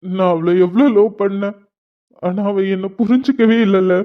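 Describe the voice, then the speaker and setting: மனம் உடைந்த, அழுதுகொண்டே மெதுவாகக் கெஞ்சிப் பேசும் இளைஞனாக நடிக்கும் ஒருவர்; கார்ட்டூன் நாடகக் குரல். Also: male voice, high voice, close to an everyday voice. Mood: heartbroken. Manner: tearful, pleading, slow broken speech. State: crying. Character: heartbroken young man, lovesick, weeping. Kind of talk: cartoon drama voice acting. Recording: dull lo-fi sound.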